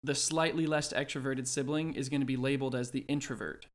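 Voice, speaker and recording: A man's voice: mid-range voice, steady tone, fast talker. A man in his early twenties co-hosting a casual podcast, musing aloud with hesitant, self-correcting phrasing. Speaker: podcast co-host. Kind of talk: casual chat.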